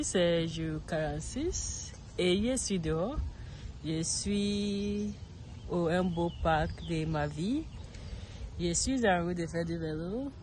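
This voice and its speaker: A Ghanaian vlogger in her 30s, learning French, records a casual practice monologue outdoors in a park, often searching for words and restarting. Her voice is on the low side and a little mellow, captured in poor audio with slight background noise.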